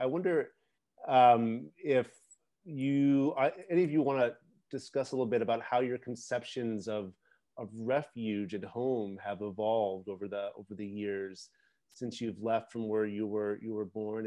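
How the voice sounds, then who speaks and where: A man's voice: lowish voice, darkish tone. A man in his forties moderating a panel over a video call from a home room, asking questions with many restarts and fillers. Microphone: video call, computer mic.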